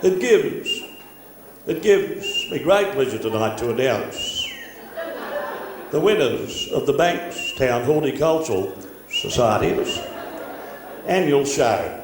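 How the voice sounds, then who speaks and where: List: man doing pompous old announcer, slow formal drawl, faint ambience. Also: mid-range voice, huge pitch swings, noisy background, heavily acted. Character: pompous older man announcing garden-show prizes. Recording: echoey hall with faint ambience.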